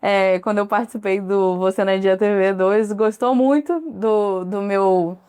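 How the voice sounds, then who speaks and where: A woman's voice: mid-range voice, fairly even intonation, normal speed, darkish tone, clear, resonant tone. A Brazilian woman in her thirties hosting a casual solo podcast, chatty and digressive with frequent asides. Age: 30s. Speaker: podcast host.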